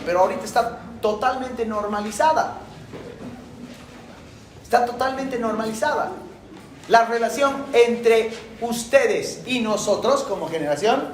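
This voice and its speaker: Man, middle-aged, high voice, colloquial and emphatic, roomy classroom echo. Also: a little hiss or hum. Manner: colloquial, emphatic, repeats key phrases. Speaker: university lecturer. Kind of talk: classroom lecture.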